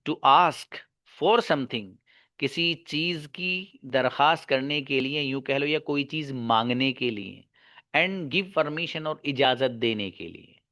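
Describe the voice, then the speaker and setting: A man's voice: medium pitch, slow pace, bright, forceful tone. A male teacher giving a slide-based grammar lesson, explaining each phrase twice in two languages, then asking the class questions and answering them himself. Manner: addresses listeners informally as "bhai sahab" and "babu". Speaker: English teacher.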